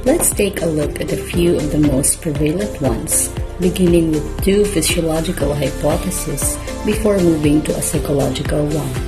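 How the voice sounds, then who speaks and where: Smooth woman narrating over music. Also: deep voice, normal speed, few pauses. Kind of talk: scripted explainer narration. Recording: music bed behind.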